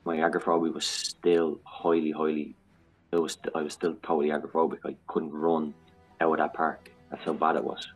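A very deep-voiced man in his thirties talks openly and bluntly, dropping the odd curse as he tells his story. Faint music plays in the background. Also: little pitch movement, a little fast, breathy edge, poor audio. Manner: frank, blunt, swears freely. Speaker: guest sharing recovery story. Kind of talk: candid podcast conversation.

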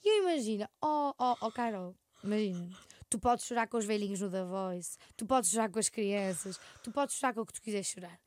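A woman's voice: medium pitch, fairly quick, darkish tone. A young woman with a European Portuguese accent co-hosting a casual podcast, telling stories animatedly and acting out her friends' lines. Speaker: podcast co-host. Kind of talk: casual chat.

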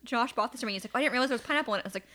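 A woman's voice: a little high, rapid-fire, pushed and bright, a little hiss or hum. A young woman hosting a podcast, chatting casually and candidly while tipsy, with bubbly bursts of laughter. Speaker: podcast host. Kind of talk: casual chat.

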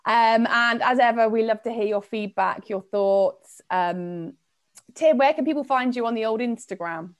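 A woman's voice: fairly high pitch, normal speed, clear, resonant tone. Enthusiastic woman hosting a podcast. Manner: enthusiastic and affirming. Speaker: podcast host. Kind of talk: casual podcast interview.

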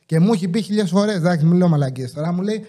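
A man with a high-pitched but soft, mellow voice rambles through a comic story for his podcast. He swears freely and slips into the voices of the people he quotes. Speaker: podcast host.

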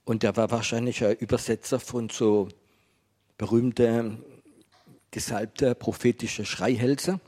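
A man preaching to a congregation in a gentle, conversational way, often asking his listeners questions. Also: medium pitch, fairly even intonation, slow, slightly rough. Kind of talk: sermon to a congregation.

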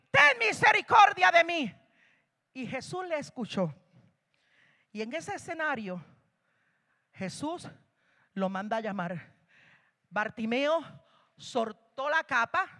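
A woman's voice: sits high, sharp tone, big-room sound. A woman lay preacher giving an emphatic sermon in a church, punctuated with hallelujahs.

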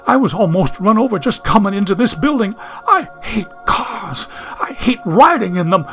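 An audiobook narrator, a man, voices a genteel young woman from the 1870s who is anxious, prim and adrift in the modern world, and she sounds distressed. He goes high and fairly bright for her, pitch swinging widely at a normal pace, in a full character voice over soft background music.

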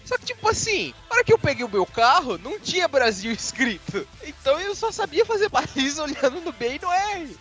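Animated young man with a high voice. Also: brisk, few pauses, faint music behind. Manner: slangy, animated storytelling. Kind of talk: casual chat.

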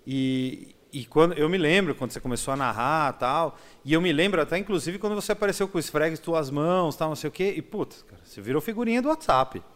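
A man's voice: on the high side, expressive, quick pace, hardly any pauses. A man with a Brazilian Portuguese accent, hosting a podcast and chatting with his guest in a friendly, conversational way. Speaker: podcast host. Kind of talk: casual podcast interview.

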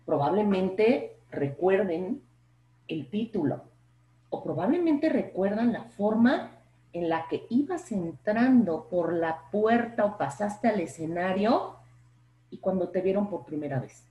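A Mexican woman professor talks about public speaking at an unhurried pace. Her pitch rises and falls widely as she makes her points and poses rhetorical questions. The recording carries a noticeable room echo. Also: dull audio. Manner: expressive, plays up intonation, asks rhetorical questions. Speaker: professor, podcast guest. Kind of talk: explanatory talk on public speaking.

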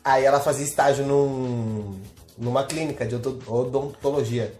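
A man's voice: medium pitch, steady tone, moderate pace, a little mellow, roomy sound, a little hiss or hum. A young Brazilian man, a podcast host, casually telling a story in slangy talk full of reported dialogue.

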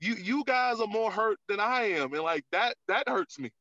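A man's voice: high voice, animated, normal speed, a loud crowd. A man, a comedian guest on a podcast, talking candidly in casual chat with lots of filler words. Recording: dull, lo-fi, dry sound.

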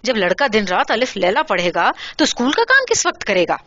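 A woman voicing an angry middle-aged mother scolding her son, with a shrill rising voice. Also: sing-song, fairly bright tone, dry recording, lo-fi sound. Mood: furious scolding.

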